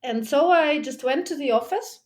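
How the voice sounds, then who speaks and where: A woman who is a technical diver and underwater photographer is interviewed about her diving, talking casually at a moderate pace in a high-pitched voice. She's lively, laughs often, and acts out her own past remarks, with restarts and fillers like "like." German isn't her first language.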